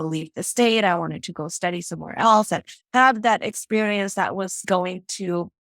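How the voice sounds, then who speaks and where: In a dry recording, a woman from Fiji with a lowish voice shares her story as a guest in a casual interview. She's a financial strategist who reflects as she talks and keeps checking in with "right?" and "you know".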